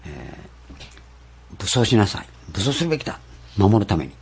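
A man preaching a sermon, stressing points with rhetorical questions and slowing down for scripture. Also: on the low side, very animated, a little mellow, a little hiss or hum. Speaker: pastor.

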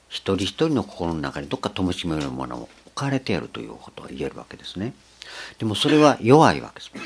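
An older man giving a slow, reflective sermon, pausing often with fillers. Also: on the low side, vocal fry, slight background noise. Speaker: preacher.

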